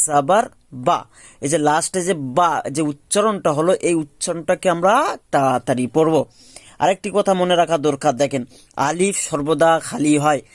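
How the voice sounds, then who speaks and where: A man with a Bangladeshi Bengali accent teaching a recorded Quran lesson, explaining step by step and drilling each letter sound slowly with repetition. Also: on the high side, no room sound. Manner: slow drilled recitation of letters, repeating each; explaining step by step, asking and answering his own questions.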